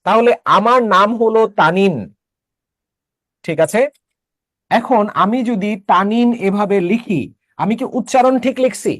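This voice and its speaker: A man with a high voice teaches a class. He explains patiently step by step and keeps asking whether students follow. The sound is close and dry. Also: a little slow, pauses often, fairly bright tone, no echo. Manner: explains step by step, checks understanding with questions. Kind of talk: online class lecture.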